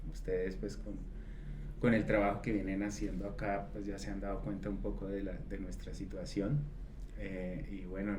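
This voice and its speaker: A man's voice: on the low side, a little mellow. A man hosting a church podcast as pastor, talking hesitantly and repeating words as he searches for them. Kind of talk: podcast conversation. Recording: echoey room with faint noise.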